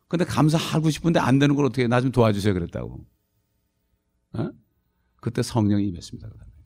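A middle-aged pastor delivers a sermon in an easy, talking-to-the-congregation manner. He keeps asking rhetorical questions and dropping asides. His mid-pitched man's voice carries a gravelly rasp. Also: darkish tone. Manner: conversational preaching, many rhetorical questions and asides.

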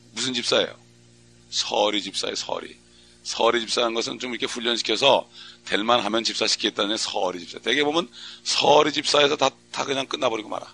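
Fast, gravelly Korean pastor preaching. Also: male voice, medium pitch, bright, forceful tone, slight background noise. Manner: fervent, rhetorical questions, acts out prayers. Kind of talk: sermon.

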